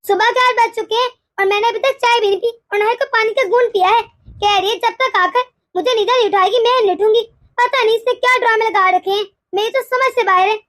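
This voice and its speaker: Woman voicing a shrill, scolding cartoon mother-in-law. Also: quick pace, a bit bright, no echo, studio quality. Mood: grumbling. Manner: shrill complaining taunts. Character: scolding middle-aged mother-in-law, short-tempered and self-pitying. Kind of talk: animated cartoon dialogue.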